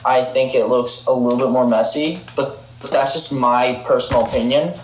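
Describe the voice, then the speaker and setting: A young man joins a podcast over a video call and gives relaxed opinions and quick agreements. His voice sits at a middle pitch and sounds roomy and echoey, with a faint hum running underneath. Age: young adult. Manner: easygoing, quick agreeing replies. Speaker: podcast co-judge. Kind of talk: casual podcast chat.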